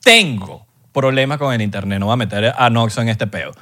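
A young Venezuelan man co-hosting a podcast in casual, joking chat, loud and animated, sometimes breaking into shouts. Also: medium pitch, a little fast. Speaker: podcast co-host.

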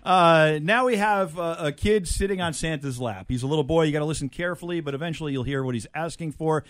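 A man hosting a comedy show, chatting casually and a little haltingly as he introduces clips. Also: fairly high pitch, fairly bright tone, no room sound. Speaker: host of a comedy clip show.

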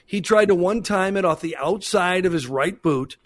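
A man's voice: high-pitched, normal speed. A man co-hosting a soccer show, chatting casually and restating phrases for emphasis as he analyses plays. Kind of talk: casual sports chat.

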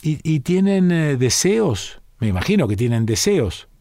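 A man's voice: fairly high pitch, very animated, unhurried, dark tone, no room sound, clean studio sound, voice pushed up. A man reading as Martella, uneasy joking newcomer. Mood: hesitant. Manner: awkwardly joking.

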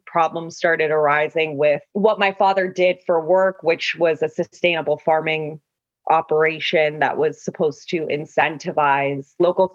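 A woman with a low voice speaks reflectively, choosing her words with measured care. She is from Afghanistan and is giving an interview. The recording is dry and a little dull. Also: no room sound. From Afghanistan, also raised in Russia and the US. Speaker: guest artist.

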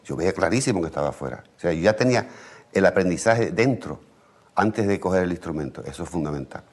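A flamenco guitarist with an Andalusian accent, telling his childhood memories in an unhurried, reflective way. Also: low voice, lively intonation. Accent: Andalusian Spanish. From Andalusia, Spain. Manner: unhurried, acts out family quotes in raised voices. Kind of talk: reflective storytelling interview. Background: flamenco guitar music.

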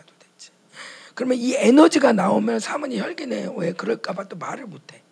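A woman preaching a sermon with a gravelly, very husky voice. Her pitch swings widely as she acts out quoted voices, jumping from loud cries down to hushed whispers. She talks to her listeners in a conversational way. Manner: conversational preaching to an audience of pastors' wives. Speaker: pastor's wife preaching.

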